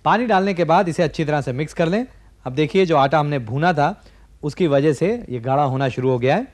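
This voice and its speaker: Hosting a televised cooking demonstration in a studio kitchen, a man in his forties talks viewers directly through each step. He speaks fairly quickly in a slightly high, slightly mellow voice.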